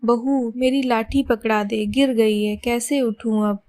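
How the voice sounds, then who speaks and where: Bossy elderly mother-in-law read by a woman, high-ish voice, dry close sound, storybook tale. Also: fairly even intonation, measured pace, darkish tone, no echo, natural voice. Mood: demanding. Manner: complaining, bossy calls. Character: stubborn elderly mother-in-law, demanding and peevish.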